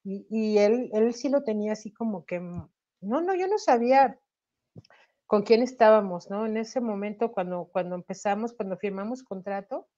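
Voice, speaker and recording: A woman of medium pitch and normal speed, her Mexican Spanish accent clear, gives a video call interview as a singer from a room at home. The webcam makes the sound lo-fi. She talks animatedly with laughter and tag questions, slightly coughing from a sore throat.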